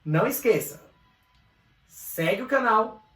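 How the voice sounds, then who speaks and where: A woman's voice: on the high side, lively intonation, slow pace, roomy sound, soft background music. A woman with a Brazilian Portuguese accent teaching a grammar lesson at a board, explaining step by step and often checking that students follow. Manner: explanatory, checks in with frequent "beleza?" and "tranquilo?".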